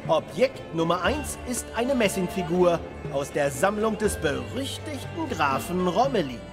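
An actor playing a showy, courteous auctioneer in a fantasy game, calling bids with formal theatrical patter. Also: male voice, sits high. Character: showy, courteous male auctioneer addressing genteel guests.

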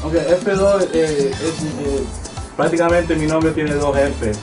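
A man from Honduras, a reggaeton artist appearing as a guest, talks casually in a radio interview with a voice on the high side, fairly even intonation and a slow pace. He is hesitant, full of fillers and restarts. The mic is distant, with music playing behind him.

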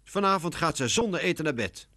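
A man's voice: on the high side, big pitch swings, quick pace, breathy edge, no echo, pitched above the performer's own voice. Laura, a man doing a stern mother cat. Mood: angry. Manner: stern, scolding. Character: mother cat, strict and quick to anger. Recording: music bed behind.

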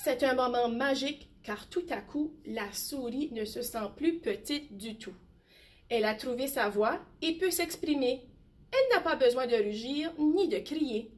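A woman teacher reading a bedtime story aloud slowly and expressively. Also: high-pitched. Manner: slow, gentle, expressive.

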